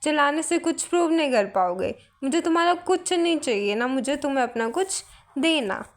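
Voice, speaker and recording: A woman voicing a quick-tempered older male landowner who scolds and blusters. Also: high voice, lively intonation. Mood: blustering.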